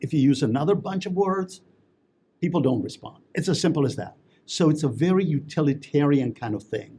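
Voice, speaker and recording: A man with a somewhat high, warm, expressive voice talks fast as a guest in a casual interview. He tells stories chattily, with many fillers and restarts.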